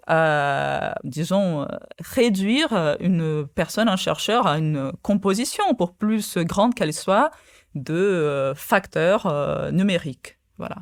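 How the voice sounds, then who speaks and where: On a podcast interview, a quantum physicist guest from Brazil, a native Portuguese speaker, talks hesitantly with frequent fillers and restarts. Her voice is on the low side, recorded in studio quality with no room sound.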